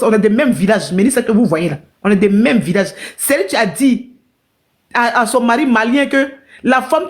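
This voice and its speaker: Woman, live-stream storyteller, emotional and repetitive, talks straight to viewers. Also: a little high.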